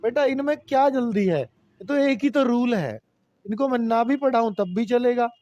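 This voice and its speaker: A man's voice: very high voice, normal speed, warm tone, dry recording, dull audio. A man teaching Hindi grammar in a live online class, patiently repeating rules and addressing students as children.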